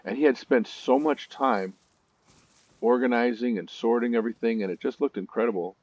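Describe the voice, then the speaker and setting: A man's voice: mid-range voice, moderate pace, darkish tone, dry recording, dull audio. A man hosting a let's-play gaming video, telling stories in a chatty way with nervous asides.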